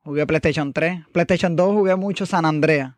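A man's voice: fairly high pitch, moderate pace, dry recording, clean studio sound. A young man, a guest gamer, answering interview questions in a friendly, casual way.

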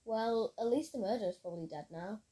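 A woman's voice: fairly high pitch, a little fast, warm tone, lightly acted, rough recording. A woman reading a story aloud, voicing an anxious, frightened young girl who sounds worried.

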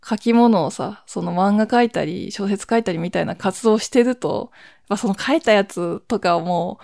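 A woman's voice: mid-range voice, normal speed, gravelly, a little mellow, no room sound, clean studio sound. A woman in her forties hosting her own podcast at home at night, chatting in a rambling way, laughing at herself and keeping her voice down. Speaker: podcast host. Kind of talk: casual solo chat.

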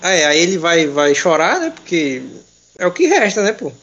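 A man with a notably high voice chats casually with friends, retelling a film as an animated, joking storyteller who uses a lot of slang. The recording sounds dull and lo-fi. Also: moderate pace. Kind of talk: casual chat.

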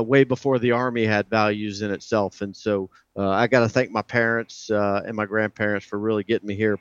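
A man's voice: medium pitch, clear, resonant tone, no room sound, highs cut off. A middle-aged man from south Louisiana, a senior soldier answering interview questions in a proud, plain-spoken, gung-ho way. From south Louisiana, United States. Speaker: army command sergeant major, guest.

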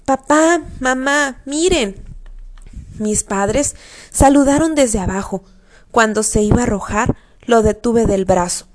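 A woman reading a first-person story aloud in a steady, expressive way. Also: mid-range voice, unhurried. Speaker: audiobook narrator.

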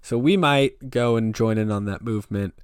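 A man's voice: fairly low pitch, moderate pace, clean tone, no room sound. Laid-back young man hosting, dry sound. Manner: joking, swears freely, laughs often. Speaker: podcast host. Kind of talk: casual interview chat.

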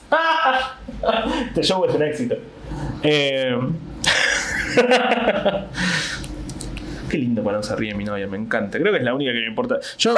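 A man's voice: medium pitch, slight background noise. A young man with an Argentine accent, talking in a casual monologue and acting out voices in his stories. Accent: Argentine Spanish. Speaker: comedian and podcast host.

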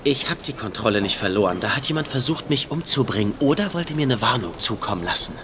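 A man's voice: mid-range voice, lively intonation, fast talker, background noise, close to an everyday voice. An actor playing a cheeky, defiant man in his thirties in a TV comedy-drama dub, flippant and argumentative.

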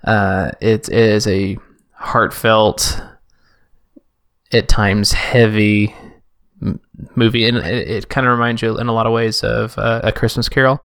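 A man co-hosting a podcast, chatting casually and rambling with many halting restarts. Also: lowish voice, level tone, a bit bright. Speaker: podcast co-host. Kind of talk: casual chat.

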